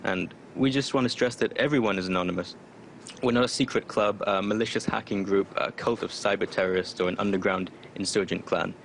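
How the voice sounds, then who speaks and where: A man speaking through a disguise that makes his voice sound deeper. He is a spokesperson answering interview questions over a remote call, defiant and loose, with many fillers. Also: fairly even intonation, fairly quick, creaky, a little hiss or hum. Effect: voice disguised lower. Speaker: spokesperson for online activist group. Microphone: remote call connection.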